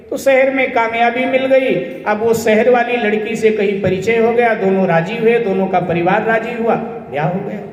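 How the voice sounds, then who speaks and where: High-voiced man telling a story in a sermon. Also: highs cut off. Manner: animated storytelling with acted dialogue. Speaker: preacher. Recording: echoey hall, faint music.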